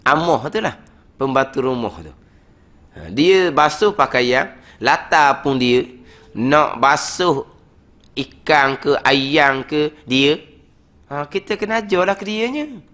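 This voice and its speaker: Delivering his weekly study lecture in a prayer hall, the religious teacher speaks with a fairly high voice, taking it slowly and pausing often. He stays lively and conversational, with many "ha" fillers.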